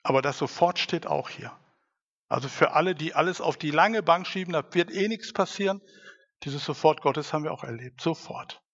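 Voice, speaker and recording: A man's voice: on the high side, brisk, a bit bright. A man preaching a sermon in an earnest manner, rising to emphatic stresses. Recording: dull sound, long hall reverb.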